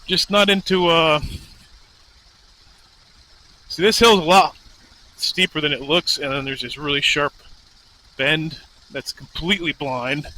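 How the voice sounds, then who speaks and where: A man's voice: fairly high pitch, steady tone, unhurried, long pauses, pushed and bright, rough recording. A man talking casually into a motorcycle helmet mic as he rides outdoors, rambling and thinking aloud in an off-the-cuff commentary. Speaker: motorcycle vlogger. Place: outdoors, riding a motorcycle on a dirt road. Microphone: helmet mic inside motorcycle helmet. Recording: motorcycle helmet mic, faint vehicle noise.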